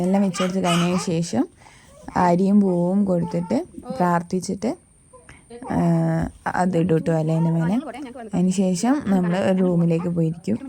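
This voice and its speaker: A woman casually explaining a family ritual, talking quickly and often repeating a tag word. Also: lowish voice, gravelly, dark tone.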